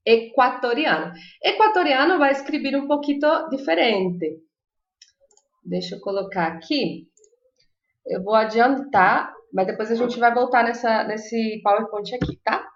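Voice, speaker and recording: Brasilian-born teacher lady, highish voice, roomy echo, a bit dull sounding, talks warm and chatty to her class. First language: Portuguese. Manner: chatty, encouraging, models pronunciation slowly. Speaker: Spanish teacher. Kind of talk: online language lesson. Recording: echoey room, slightly dull sound.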